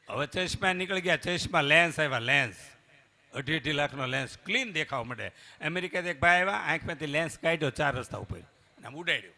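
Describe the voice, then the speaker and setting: Animated man telling jokes. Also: a little high, gravelly. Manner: animated, jokey, swings from loud to hushed. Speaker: folk comedian and storyteller. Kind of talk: live stage comedy storytelling. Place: live stage before a temple audience.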